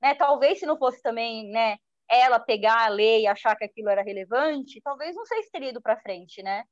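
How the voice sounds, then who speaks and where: A woman journalist telling a personal story in an interview, lively and acting out the voices of people she quotes. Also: fairly high pitch, brisk, no echo. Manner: lively, acts out quoted speech. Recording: dull lo-fi dry sound.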